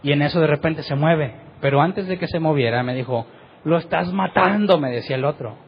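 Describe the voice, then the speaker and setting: A fairly high-voiced middle-aged pastor preaches in a lively storytelling way. He keeps checking in with the congregation by tagging his sentences with a question. The recording sounds slightly dull, with a faint hiss behind him. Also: fast. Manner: vivid storytelling, often tags "¿verdad?". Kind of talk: sermon testimony.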